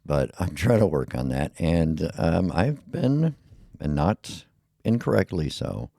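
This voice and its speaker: Male podcast host, very low, dark and rumbly. Casual, mumbly solo talk on a close, dry, EQ'd dynamic mic. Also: big pitch swings, slow, vocal fry, no room sound. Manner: mumbly, rambling, with many fillers. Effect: equalizer filter on the mic. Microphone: heavy dynamic podcast mic on a boom arm.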